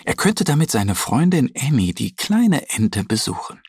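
Slow, lively man reading a children's story. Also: medium pitch, breathy edge, no echo, clean studio sound. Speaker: narrator.

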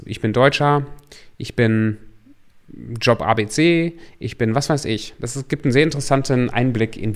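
A man from Germany, a coach hosting a podcast, talking earnestly and reflectively to the listener in a personal monologue. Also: medium pitch.

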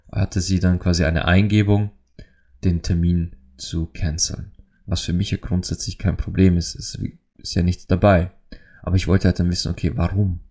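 A man's voice: low voice, vocal fry, darkish tone. A man hosting his own podcast, talking alone in an earnest, emotional way with many restarts. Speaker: podcast host. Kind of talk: reflective solo podcast monologue.

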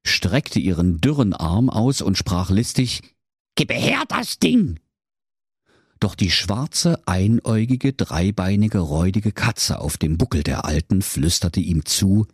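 A man's voice: low voice, expressive, unhurried, hardly any pauses, darkish tone, slightly rough, no echo. A man narrating a comic fairy tale, playful and relishing rhyming sound words, close on a studio mic.

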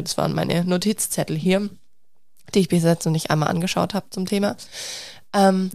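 A woman's voice: fairly low pitch, a little mellow, dry recording. Candid young mother, dry close voice. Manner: open, searching, talks through restarts. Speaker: mother of two speaking to followers. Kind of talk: candid personal vlog confession.

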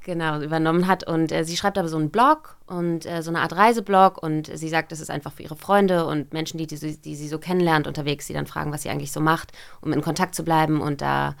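A voice actress chats casually as a podcast guest in a low, steady, creaky voice, talking fast with few pauses. Her talk is full of small fillers and restarts.

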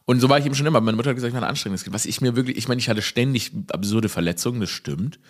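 A man's voice: mid-range voice, rapid-fire. A man, a comedian rambling through a casual, jokey podcast monologue full of self-irony. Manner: rambling, self-ironic, jokey, laughs at his own stories.

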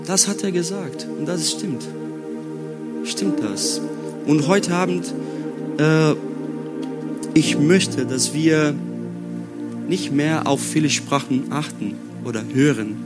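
Slow-speaking Brazilian man preaching. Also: a little high. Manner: slow, halting German with non-native grammar. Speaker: youth pastor. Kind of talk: sermon at a youth retreat. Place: worship room before a youth audience.

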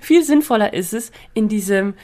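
A woman dog trainer hosting a podcast lesson in a chatty, lively way, often checking in with listeners and laughing between points. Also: mid-range voice, moderate pace. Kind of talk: casual spoken podcast lesson.

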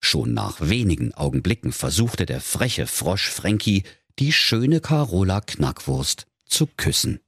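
A man's voice: sits low, sing-song, unhurried, vocal fry, hardly any pauses, a bit bright, husky, dry recording, studio quality. A man narrating a comic fairy tale in a mock-solemn storytelling manner.

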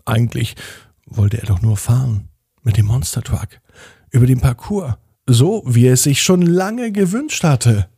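Slow, gravelly bedtime storyteller, a man. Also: medium pitch, dry recording, studio quality. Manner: gentle, expressive storytelling.

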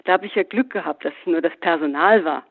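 A man's voice: on the high side, quick pace, vocal fry. A man voicing a defiant young son who talks in a scornful, mocking way. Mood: sneering. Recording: phone-like narrow band.

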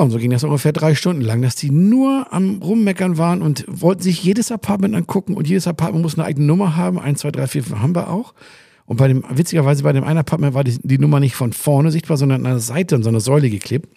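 A man with a gravelly, husky voice rants his way through a casual podcast chat. He swears freely and acts out the people in his story. The sound is dry and close. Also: on the high side, mellow, no echo. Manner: ranting, swearing, acts out quoted dialogue. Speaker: podcast co-host.

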